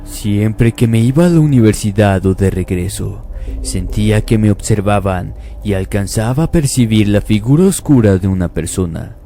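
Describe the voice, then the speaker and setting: A man with a warm, dark voice narrates a first-person horror story. He speaks slowly and calmly at a lowish pitch, with faint music in the background.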